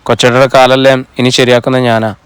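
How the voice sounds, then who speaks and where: A man's voice: medium pitch, little pitch movement, quick pace, clear, resonant tone, dry recording, close to an everyday voice. A man reading the lines of a chatty, innocent childlike girl in an audiobook, eager and self-important. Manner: eager, telling things with importance.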